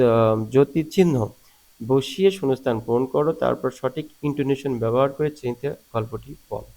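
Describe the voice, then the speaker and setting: A man's voice: fairly high pitch, a little mellow. A male teacher giving a video lesson from slides, explaining step by step with many fillers and acting out rising and falling questions. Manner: explains step by step, switching between Bengali and read-out English with many fillers; demonstrates rising and falling intonation on example questions. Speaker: English teacher.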